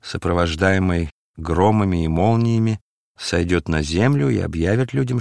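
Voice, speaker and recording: Male audiobook narrator, low voice, gravelly fry, dry close sound, measured solemn reading. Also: dry recording. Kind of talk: scripted literary narration.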